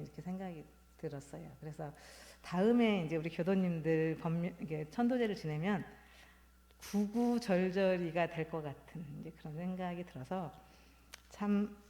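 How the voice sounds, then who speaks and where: A woman in her fifties, a Won Buddhist minister, giving a halting, reflective talk at a Sunday service. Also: on the low side, dark tone. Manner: halting, reflective, personal storytelling. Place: temple hall. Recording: long hall reverb.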